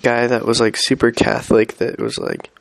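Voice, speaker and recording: A young adult missionary with a head cold rambles through a casual weekly update vlog, full of fillers and restarts. His voice is medium-pitched and gravelly, with a level tone and moderate pace.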